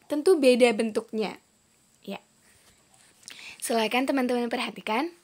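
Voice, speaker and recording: A woman who teaches Arabic leads a recorded online lesson, patiently modeling pronunciation and saying each word twice. She explains things and addresses her students as friends. Her voice is fairly high and a little slow.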